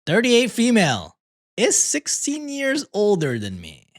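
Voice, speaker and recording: A laid-back man reads posts aloud on a casual podcast, his pitch rising and falling a lot as he goes. He talks in loose slang and often laughs between lines. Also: wildly swooping pitch, measured pace. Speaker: podcast host reading stories.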